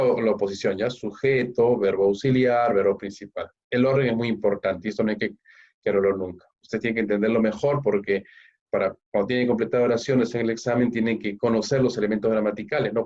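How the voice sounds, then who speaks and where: Male teacher, Spanish native, online English grammar class, patient and repetitive, mid-pitched voice on a dull recording. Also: a little mellow. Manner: explains patiently, keeps checking with "ok?" and "no?". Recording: dull lo-fi audio.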